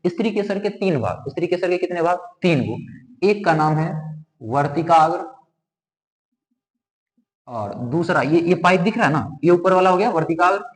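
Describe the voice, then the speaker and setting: Male biology teacher, fairly high voice, quizzes himself aloud, long room reverb. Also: animated, moderate pace, pauses often. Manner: asks questions and answers them himself, repeating terms. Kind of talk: classroom lesson with drawing.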